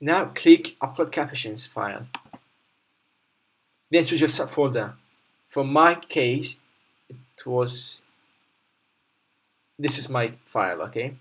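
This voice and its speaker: A man with a mid-pitched voice presents a software tutorial without a script. He moves through each step haltingly, often repeating or rewording an instruction as he explains what to do on screen. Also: animated, breathy edge.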